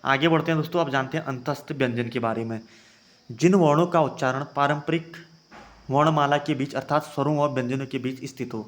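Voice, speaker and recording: A man's voice: mid-range voice, steady tone, brisk. A young man teaching an exam-prep grammar lesson, calling his viewers friends and having them try each sound aloud. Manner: addresses viewers as friends, repeats points.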